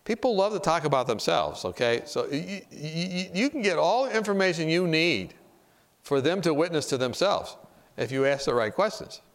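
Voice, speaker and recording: Man preaching, animated and chatty, tells stories straight to the crowd, slightly high voice, very lively delivery. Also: moderate pace. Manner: animated, conversational, speaks to the audience directly. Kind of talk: storytelling sermon.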